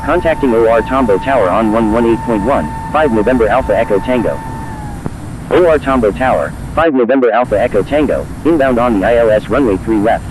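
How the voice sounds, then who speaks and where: A male pilot keying his cockpit headset radio, reading back tower clearances in clipped, formal phraseology. His voice sits at an everyday middle pitch. A clear wash of aircraft and engine noise runs underneath, and he sounds a little distant from the mic. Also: lively intonation, brisk. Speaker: airline pilot. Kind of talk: aviation radio readback.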